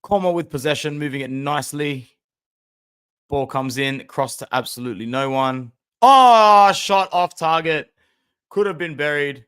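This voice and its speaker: A young man hosts a casual football stream and talks straight to his viewers. His voice sits a little high, and he swings between loud outbursts and quiet muttered asides as he reacts to highlights. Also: a little slow, clear, resonant tone. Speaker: football fan channel host. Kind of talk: casual live-stream commentary.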